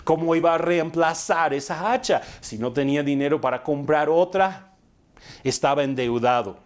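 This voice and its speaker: A man delivers a sermon, telling stories in a relaxed, conversational way. He poses rhetorical questions and pauses on fillers as he goes. His voice sits a little high for a man. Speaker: preacher.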